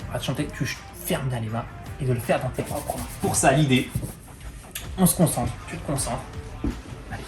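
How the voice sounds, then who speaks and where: A man's voice: mid-range voice, fairly quick, pauses often. A man hosting as a magician, performing a card trick and playfully guiding his guest through each step. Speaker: magician host. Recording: echoey room with loud music underneath.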